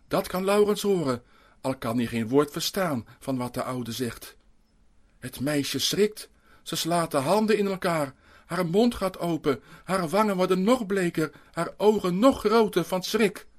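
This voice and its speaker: A man narrating a children's story aloud, reading with suspense and dramatic pauses. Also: on the high side.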